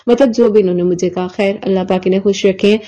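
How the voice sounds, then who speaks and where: A woman's voice: medium pitch, fairly even intonation, mellow. A woman video creator chatting through a personal story, fondly calling her listeners her dears. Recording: slightly dull lo-fi recording.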